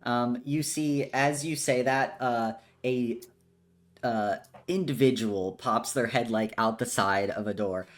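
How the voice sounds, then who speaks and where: Casting: unhurried male game master, easygoing delivery, lots of ums. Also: mid-range voice. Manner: slow, relaxed, with many fillers. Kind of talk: narrating a tabletop game.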